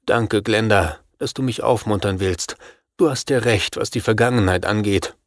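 This audiobook reader is a man with a lowish, natural voice, speaking at a moderate pace over clean studio sound without echo. He voices a frightened father in middle age who begs desperately, worried and agitated about his son.

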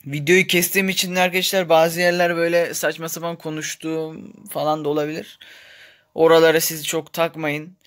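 A man giving gameplay commentary, exasperated and complaining, swinging between tired muttering and loud outbursts. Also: fairly high pitch, flat delivery, fairly quick. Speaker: gaming YouTuber.

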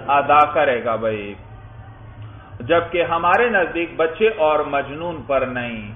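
A man's voice: fairly high pitch, expressive, slight background noise. A man teaching a class on Islamic law, putting questions to his students and answering them himself, repeating key terms. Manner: repeats key terms, calls listeners brother. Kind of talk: classroom lecture. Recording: echoey, tinny phone-like recording.

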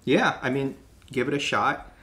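A man's voice: medium pitch, moderate pace, bright, forceful tone. A man co-hosting a snack taste-test video in casual chat, joking and laughing often. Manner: playful, laughs often, jokey.

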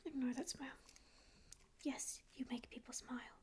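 A woman's voice: high-pitched, steady tone, normal speed, lightly acted. A young woman whispering as a prickly sleep paralysis demon who insists she doesn't care but keeps listening and reassuring, close to the mic in a small dim room. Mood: grumpy, curious. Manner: whispering, curt denials that soften into reassurance. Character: prickly sleep paralysis demon, secretly caring, faux-apathetic. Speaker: ASMR roleplayer. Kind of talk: whispered ASMR roleplay. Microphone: close studio mic just off-frame.

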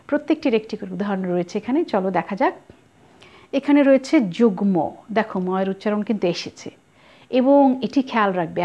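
A woman's voice: medium pitch, a little mellow. A woman teacher explains pronunciation rules patiently and puts questions to her students. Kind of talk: pronunciation lesson. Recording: lo-fi muffled recording.

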